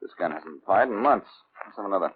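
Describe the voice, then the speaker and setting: A man's voice: low-pitched, expressive, quick pace. An actor playing a cool-headed, wisecracking male detective in an old radio drama, with dry, sardonic quips. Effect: old radio broadcast. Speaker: detective lead. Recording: tinny old radio recording with faint hiss.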